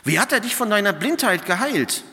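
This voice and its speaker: A stern group of indignant elders, read by a man in a Bible passage, firing insistent questions. The voice climbs and falls in lively contours. Long church reverb hangs behind every phrase. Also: sits high, fairly quick, pitched above the performer's own voice, exaggerated voice. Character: stern group of indignant male religious leaders.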